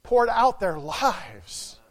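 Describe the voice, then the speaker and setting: A man preaching a sermon to a church, swinging from quiet asides to loud exclamations. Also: very high-pitched, very animated, very slow.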